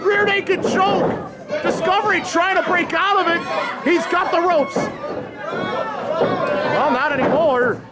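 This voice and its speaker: High-pitched male wrestling commentator. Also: slow pace, long pauses. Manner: excitable, emphatic. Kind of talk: live play-by-play wrestling commentary. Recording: very noisy live event, loud crowd.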